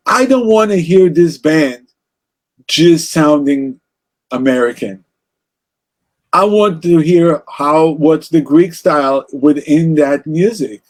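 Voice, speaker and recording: A man's voice: a little high, expressive, takes it slowly. A man with an Israeli accent, speaking as an interview guest about music in a passionate, rambling way with many restarts. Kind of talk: casual interview conversation.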